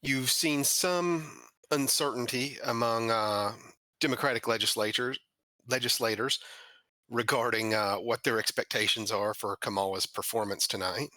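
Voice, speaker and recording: A man hosting a podcast, his voice bright and forceful with a mocking, sardonic edge. He talks into a close mic in a dry room with no echo. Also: mid-range voice, steady tone, moderate pace. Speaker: podcast host. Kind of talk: scripted monologue then casual chat.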